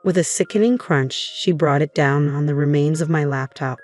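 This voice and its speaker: Young adult woman narrator, low voice, steady dramatic storytelling over faint music. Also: normal speed. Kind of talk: scripted first-person story narration. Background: faint background music.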